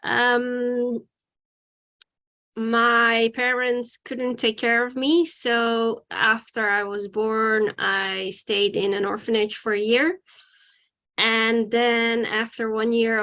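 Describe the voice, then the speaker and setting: Dutch-born woman in her forties, slightly high. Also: a bit bright. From Netherlands. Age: 40s. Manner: candid, reflective, with many "um"s. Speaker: podcast guest. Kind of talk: interview.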